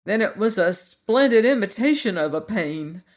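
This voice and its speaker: A storyteller voicing a young boy who is easily upset and turns sulky, crying out high and loud. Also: slow. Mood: peevish. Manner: wailing, high and loud in distress.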